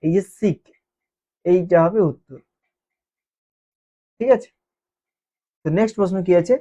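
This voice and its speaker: A woman teacher explaining exam questions, repeating key terms and checking in with quick questions to students. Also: fairly low pitch, dark tone. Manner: repeats key terms and keeps asking "ঠিক আছে?". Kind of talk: exam-prep lesson explanation. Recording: dull lo-fi recording.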